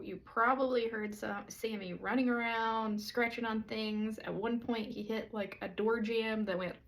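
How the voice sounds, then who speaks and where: A woman from the southern United States, a church co-founder and pastor's wife, talking slowly and earnestly in a self-recorded video. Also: mid-range voice. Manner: slow, reflective, earnest and inviting. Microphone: self-recorded camera or phone.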